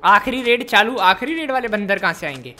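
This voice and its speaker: A man hosting a let's-play, giving excited commentary while yelling taunts and making playful sound effects. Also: high-pitched, fairly quick. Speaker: gaming channel host. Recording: game audio with background music.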